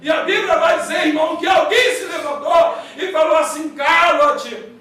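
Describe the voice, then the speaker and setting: A middle-aged man with a Brazilian accent, a pastor preaching a loud, fervent evangelical sermon full of folksy stories. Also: very high voice, brisk, a faint crowd. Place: church hall. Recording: echoey church hall, mic far off.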